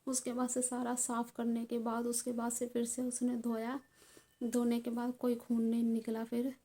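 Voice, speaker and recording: A young woman speaks to her viewers in an earnest, halting way, often pausing and restarting. Her voice sits a little high but stays flat and level. Its tone is mellow and dark. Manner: earnest, halting retelling with frequent fillers. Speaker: vlogger. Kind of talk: personal storytelling vlog.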